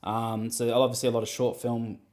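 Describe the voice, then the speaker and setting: A man's voice: medium pitch, a little fast. Rambling man giving acting advice. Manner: rambling, animated, fillers like "you know what I mean". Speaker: acting coach and podcast host. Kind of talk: casual advice chat.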